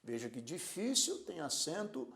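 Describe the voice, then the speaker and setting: A man teaching a grammar lesson, slowly stressing the syllables of example words. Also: on the high side, very animated, gravelly, a bit bright. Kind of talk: recorded lecture.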